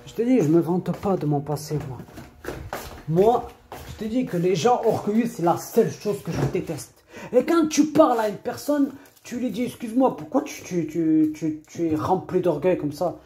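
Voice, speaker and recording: Man, mid-range and mellow, casual preacher: rambling, repetitive, streetwise scolding, Arabic phrases, faint music under. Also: high-pitched, lively intonation, normal speed. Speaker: preacher giving an online religious reminder. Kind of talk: informal spoken religious reminder.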